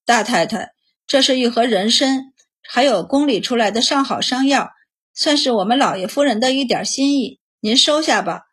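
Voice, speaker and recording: A woman voicing an elderly servant woman of a noble household who persuades in a low voice, in a storybook reading. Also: moderate pace, slightly rough. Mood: hushed coaxing.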